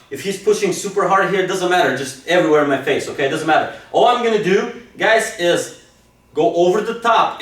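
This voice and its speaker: A man's voice: a little high, a bit bright, distant mic. A man coaching wrestling moves in a demo, enthusiastic and full of "okay?" and "super" as he talks students through each step. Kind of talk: instructional technique demo. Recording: echoey room, speaker off-mic.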